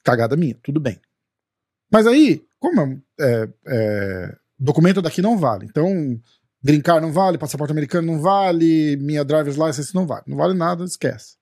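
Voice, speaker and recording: A Brazilian man with a Brazilian Portuguese accent, hosting a studio talk show and telling a profane, animated story as he acts out the dialogue. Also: fairly high pitch, fairly quick, dry recording. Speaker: podcast host. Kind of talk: casual storytelling chat.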